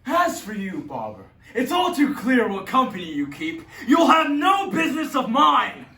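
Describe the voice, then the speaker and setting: A man's voice: high-pitched, wildly swooping pitch, moderate pace, a bit bright, exaggerated voice. A man playing a pompous, cruel judge who speaks in a haughty, commanding way and bursts into anger. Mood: stern. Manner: haughty and commanding, with angry outbursts. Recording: echoey room, distant mic.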